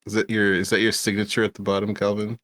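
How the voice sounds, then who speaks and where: A man with a lowish voice jokes around with his co-hosts, chiming in quickly and playfully. The sound is dry, with no room around it. It is loose, friendly podcast talk. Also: monotone, fairly bright tone, no echo. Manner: playful, jokey, quick to chime in. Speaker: podcast co-host. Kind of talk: casual chat.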